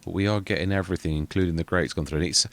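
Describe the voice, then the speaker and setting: A male gaming channel host rambles through casual commentary on a farming game, often correcting himself mid-sentence and muttering asides. His voice is low-pitched, quiet, and steady in tone, and he talks rapid-fire.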